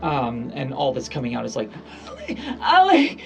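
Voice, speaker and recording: Mid-pitched player narrating their character. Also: fairly even intonation, brisk, gravelly, a little mellow, soft background music, poor audio. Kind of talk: in-character tabletop play.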